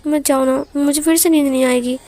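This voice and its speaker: Girl doing a nervous young guy, high and whiny, stuttering all over. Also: steady tone, a little fast, a little mellow. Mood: nervous pleading. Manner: stammering, whiny and pleading. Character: shy nervous young man, timid and flustered.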